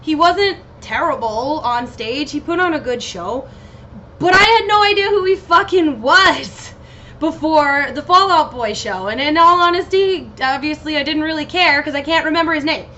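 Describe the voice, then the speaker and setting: High-voiced, giggly American woman rambling casually. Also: lively intonation, normal speed, bright, forceful tone. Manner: giggly, scattered, easily losing her train of thought. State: slightly loopy on painkillers. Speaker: solo podcast host. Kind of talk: casual rambling solo chat with swearing. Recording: muffled lo-fi home recording with noticeable noise.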